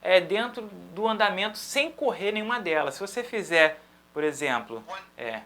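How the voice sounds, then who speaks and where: A Brazilian man teaching a drum lesson, patiently explaining and chanting syllables in a steady rhythm to demonstrate. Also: sits high, moderate pace. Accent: Brazilian Portuguese.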